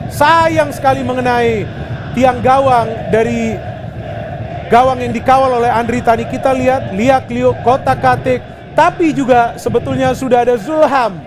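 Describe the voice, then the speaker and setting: Indonesian man, football co-commentator, analytical play breakdown, very high raised pitch, loud crowd noise. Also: steady tone, moderate pace.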